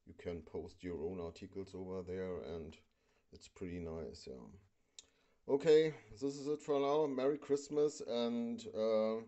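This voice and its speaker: A man hosting a casual product demo at home, talking with many pauses and fillers. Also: fairly low pitch, dark tone. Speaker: video host. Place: indoors at a home stove.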